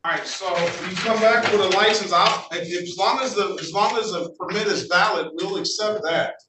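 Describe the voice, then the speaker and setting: Firm judge in an echoey courtroom recording. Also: male voice, high voice. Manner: brisk and firm, cuts people off. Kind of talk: courtroom proceedings. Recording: echoey courtroom audio from a distant mic, noisy.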